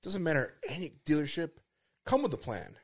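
A man's voice: on the high side, wildly swooping pitch, brisk, breathy edge. A man co-hosting a podcast, talking in casual, joking banter and laughing often. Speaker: podcast co-host.

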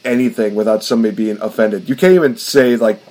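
A man's voice: lowish voice, fast, darkish tone. A man hosting a casual podcast, rambling through his points with lots of fillers. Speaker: podcast host.

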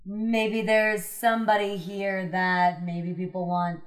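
A woman's voice: mid-range voice, little pitch movement, slow pace. A woman speaking as a player at a tabletop game. She plays her character in a direct, probing way, pressing for answers.

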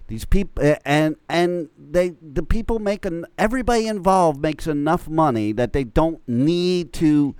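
A man's voice: on the high side, a little slow, few pauses, a little mellow, smooth, no room sound. A man co-hosting a radio show, teasing his co-hosts with crude jokes and blunt opinions. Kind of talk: crude banter on morning radio.

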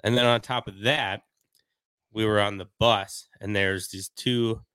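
A young man on a podcast telling a story in a relaxed, casual way, often laughing. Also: fairly low pitch, a little slow, clean tone, no echo. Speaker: podcast co-host. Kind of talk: casual chat.

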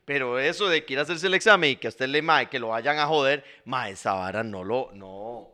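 A man's voice: medium pitch, brisk, pushed and bright. A man with a Costa Rican accent co-hosting a casual talk show, throwing in teasing quips and jokes. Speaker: co-host. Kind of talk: casual chat.

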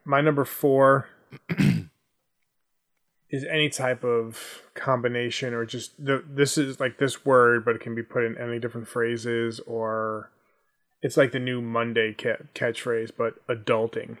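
A man's voice: medium pitch, level tone, a little slow, fairly bright tone, no room sound, studio quality. A middle-aged man chatting casually as a podcast co-host, ranting in a grumbly way and swearing often. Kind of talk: casual chat.

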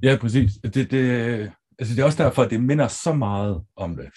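A Danish man co-hosting a podcast in casual chat, upbeat and lively, egging on his co-host. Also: medium pitch, slightly rough.

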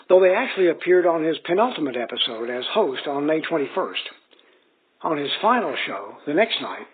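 Husky man reading articles, phone-like. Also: a little high. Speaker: article reader. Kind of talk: scripted narration. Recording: tinny phone-like sound.

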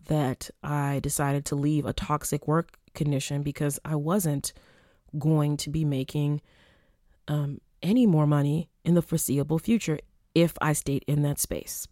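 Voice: mid-range voice, darkish tone, no echo, clean studio sound. A podcast host talking casually on their own, rambling and chatty, with lots of filler words and restarts. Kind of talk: casual solo podcast monologue.

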